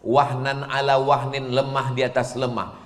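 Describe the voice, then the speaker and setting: A man, preaching in a lively religious lecture, teasing the crowd with questions and chanting verses. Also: medium pitch, a little slow. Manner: playful, teasing questions, chanted Quran recitation. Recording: echoey hall with long reverb.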